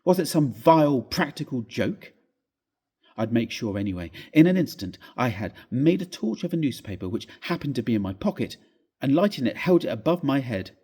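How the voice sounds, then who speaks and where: A man with a husky, mid-range voice gives a dramatic, expressive reading of a Gothic ghost story, phrasing each line deliberately.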